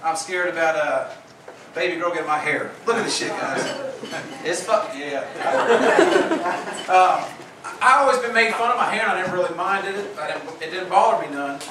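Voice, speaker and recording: High-voiced crude stand-up comedian. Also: male voice, moderate pace. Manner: crude, rambling, puts on high voices for women. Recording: far from mic, echoey club, loud noise. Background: audience laughter.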